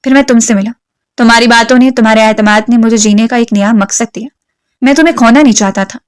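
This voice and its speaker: A woman's voice: a little high, smooth, natural voice. Lonely older professor, read by a woman. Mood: tender. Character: lonely middle-aged male professor, confessing.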